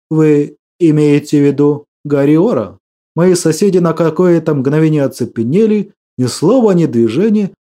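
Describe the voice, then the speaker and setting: Mellow-voiced male audiobook narrator. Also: high-pitched. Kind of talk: first-person audiobook narration.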